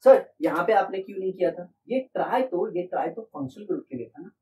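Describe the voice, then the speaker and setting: A man's voice: sits high, expressive, fast talker, mellow, distant mic, a little hiss or hum, pitched above the performer's own voice, poor audio. A man voicing a curious young student who eagerly questions the teacher.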